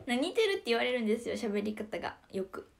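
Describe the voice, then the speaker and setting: A young woman with a Kansai accent, hosting a casual livestream. She chats about viewer comments in a giggly, soft-spoken way and often drops to a near whisper. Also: a little high, big pitch swings, moderate pace, vocal fry. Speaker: idol livestream host.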